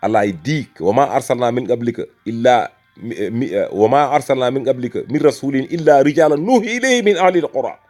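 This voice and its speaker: Talking fast with hardly any pauses, this Senegalese religious speaker has a mid-range, darkish voice and faint music behind him. He makes an impassioned argument with emphatic rhetoric, repeating phrases and calling the listener brother.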